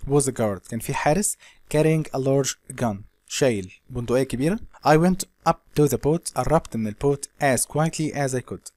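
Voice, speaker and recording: Male teacher with an Egyptian accent; slow English reading, quick Arabic glosses, dry and close. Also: medium pitch, a little mellow, no echo. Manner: reads English slowly, then explains quickly in Arabic. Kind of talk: reading an English novel aloud and explaining it in Arabic.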